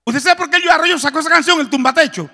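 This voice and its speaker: A middle-aged man preaching a testimony sermon, telling his story in a lively way and acting out the dialogue. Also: extremely high pitch, rapid-fire, creaky. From Colombia. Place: church. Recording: reverberant church hall.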